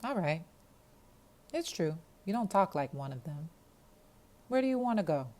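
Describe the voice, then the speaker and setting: A woman's voice: lowish voice, big pitch swings, moderate pace, mellow. A woman voicing a tired, grumpy taxi dispatcher on the phone, weary and sarcastic. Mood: scornful.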